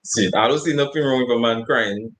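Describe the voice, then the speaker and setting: A man's voice: medium pitch, brisk, fairly bright tone, rough recording. A man co-hosting a casual chat show, rambling and laughing often as he talks. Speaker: co-host.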